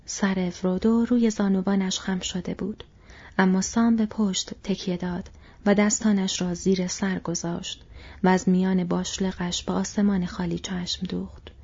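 Breathy, near-whispered woman narrator. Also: medium pitch, flat delivery. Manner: soft, hushed storytelling. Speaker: audiobook narrator. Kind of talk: audiobook narration. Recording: dull lo-fi recording.

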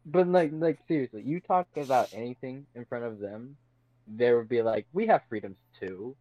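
A man chatting casually over an online call, telling stories with animation, laughing often and trailing off quietly. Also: mid-range voice, normal speed, no echo. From United States. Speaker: podcast co-host on a call. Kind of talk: casual chat. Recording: dull, dry call audio.

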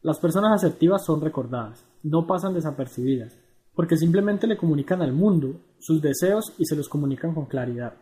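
Mellow-voiced man narrating a lesson. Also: on the high side, expressive, fairly quick. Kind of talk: scripted educational narration.

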